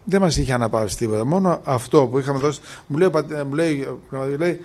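A man telling religious miracle stories in a lively retelling style, often stopping to repeat who said what and trailing off into restarts. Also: medium pitch. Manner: animated retelling, constantly repeating "he says", acting out quoted dialogue. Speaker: storyteller recounting miracles. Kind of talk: religious storytelling talk.

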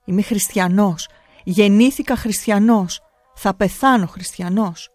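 A woman's voice: medium pitch, steady tone, a little mellow, no room sound, faint music behind, natural voice. Woman voicing an earnest defiant village boy. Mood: resolute. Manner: earnest, vehement pleading.

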